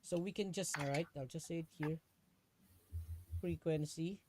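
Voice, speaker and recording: A man's voice: fairly high pitch, moderate pace, a little mellow, a little hiss or hum. A man tutoring a student in a live online lesson, patient, often checking that she follows.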